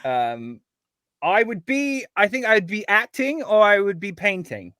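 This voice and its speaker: A man's voice: high-pitched, unhurried, dry recording, clean studio sound. A man from England, a guest composer, chatting casually and rambling with lots of ums. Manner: relaxed, rambling, full of ums. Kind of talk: casual chat.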